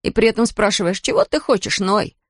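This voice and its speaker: A man's voice: high-pitched, animated, fairly quick, dry recording, clean studio sound, pitched above the performer's own voice. A reader doing a furious, resentful teenage boy. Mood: resentful angry. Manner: resentful, sullen, shouting. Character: angry teenage boy fighting his mother.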